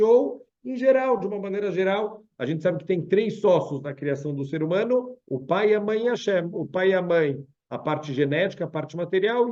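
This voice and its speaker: A man, a rabbi giving a religious lesson on Psalms over a video call, who tells parables and acts them out. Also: fairly high pitch. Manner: storytelling, acts out parables with lively voices. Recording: dull lo-fi video call audio.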